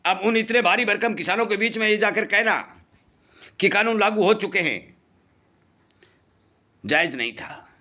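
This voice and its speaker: Middle-aged host, high bright voice, earnest, repeats his warnings. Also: normal speed. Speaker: farming channel host. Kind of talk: impassioned commentary to farmers.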